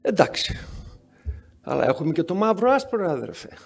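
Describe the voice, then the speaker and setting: A man's voice: high-pitched, very animated, creaky, husky. A man chairing a medical conference session, giving an introduction full of sarcastic, wry anecdotes. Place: conference hall.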